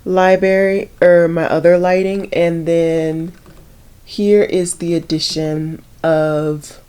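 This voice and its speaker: Low-voiced woman with a stuffy nose. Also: takes it slowly, clean tone. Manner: relaxed, rambling, with fillers. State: congested, nasal from a cold. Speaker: beauty vlogger. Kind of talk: casual swatching video.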